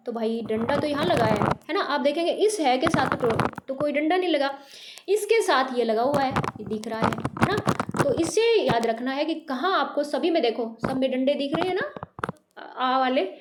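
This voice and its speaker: A woman teaching a beginners' Hindi lesson online, patiently sounding out syllables, mixing in English words and checking in with her students. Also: high voice. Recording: noisy recording with clicks.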